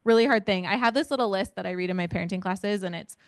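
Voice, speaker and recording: A woman with a smooth, clear voice runs an interactive parenting workshop. She keeps firing questions at the group and walks them through little exercises. The sound is dry and close. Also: medium pitch, fast talker, no room sound. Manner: engaging, asks the audience many questions. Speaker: parent educator.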